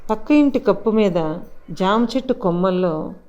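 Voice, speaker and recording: A woman narrating a scripted audio story in a measured, suspenseful first-person telling. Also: mid-range voice, animated, a little mellow, highs cut off.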